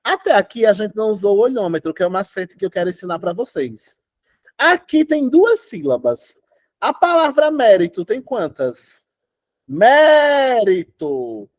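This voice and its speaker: A man's voice: high-pitched, big pitch swings, normal speed, no room sound, lo-fi sound. A man teaching a Portuguese class online, chatty, quizzing students and singing out syllables. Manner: chatty, asks students questions, sings out syllables.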